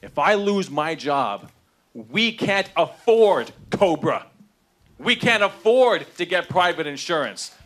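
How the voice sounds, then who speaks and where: A man in his thirties, voice on the high side and fairly bright, speaks slowly but very animatedly. Into a handheld microphone at a crowded town hall in a large indoor room, he confronts his congressman with an impassioned, angry speech that rises in emotion.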